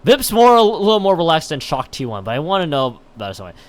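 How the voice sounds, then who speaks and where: A man with a slightly high, very animated voice reads a visual novel at a quick pace on a live game stream. Between stumbles and repeated words, he tosses out exasperated asides.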